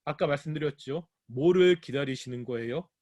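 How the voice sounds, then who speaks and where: A man with a somewhat high voice preaches a Bible study sermon in a church, putting questions to his listeners and answering them himself. The recording is dry and close, with almost no room sound. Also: normal speed, darkish tone, no echo. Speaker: pastor.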